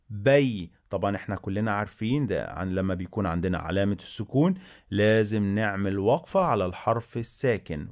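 A man with an Egyptian accent teaching Arabic reading, slowly sounding out syllables one by one and then explaining in quicker asides. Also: fairly low pitch, darkish tone. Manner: slow, drawn-out syllable-by-syllable enunciation. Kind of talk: bilingual reading lesson.

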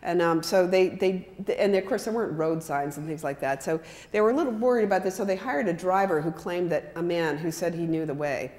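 A woman in her sixties gives a relaxed, chatty slide talk, holding a microphone and gesturing as she speaks. Her voice sits a little low, with fillers and restarts throughout. The sound carries a long hall reverb. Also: a little fast, hardly any pauses. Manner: conversational, animated with hand gestures, many fillers. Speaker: author giving a talk. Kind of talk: illustrated public talk. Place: large hall with wooden floor. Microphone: handheld microphone.

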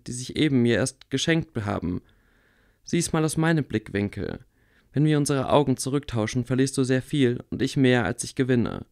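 A man reading aloud, voicing a calm, wry blind boy wizard who speaks quietly. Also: mid-range voice, close to an everyday voice. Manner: quiet, level.

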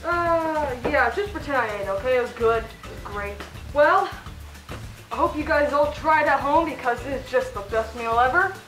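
A woman's voice: high voice, animated, moderate pace, a bit bright, echoey room, soft background music, low-quality recording. A woman hosting a playful cooking tutorial in a home kitchen, chatty and mock-instructional, talking from inside a costume head. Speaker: channel host cooking in fursuit.

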